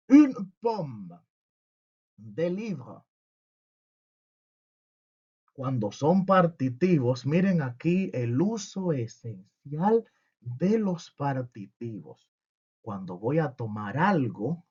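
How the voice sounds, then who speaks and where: A man's voice: a little high, a little mellow, slightly rough, lo-fi sound. A man teaching a French lesson with humor, asking and answering his own questions.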